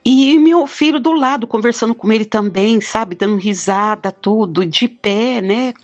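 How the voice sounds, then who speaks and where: A woman's voice: fairly high pitch, a little slow, darkish tone, highs cut off, faint music behind. A middle-aged woman, giving a heartfelt, plain-spoken personal testimony. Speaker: guest telling a near-death experience.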